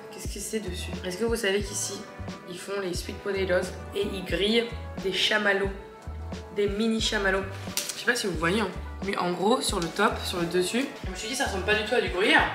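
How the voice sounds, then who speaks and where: A young French woman in her twenties talks to the camera in a chatty, casual way and drops English words into her talk. Her voice sits at an ordinary pitch and is recorded on a handheld camera mic. The home room sounds roomy, with music playing clearly behind her. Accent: French (France). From France. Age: 20s. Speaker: vlogger. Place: home interior, kitchen.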